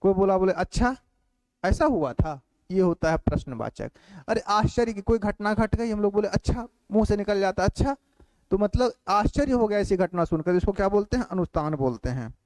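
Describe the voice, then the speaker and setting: Man teaching grammar, dictating slowly. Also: sits high, lively intonation, a little mellow, no echo. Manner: repeats phrases slowly for dictation, asks quick check questions. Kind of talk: classroom lecture.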